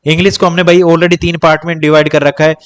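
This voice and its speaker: A man's voice: on the high side, level tone, fast talker. A young man teaching exam topics in a casual lecture, repeating points and calling viewers "bhai" as he lists and counts. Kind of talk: casual Hindi-English exam coaching lecture.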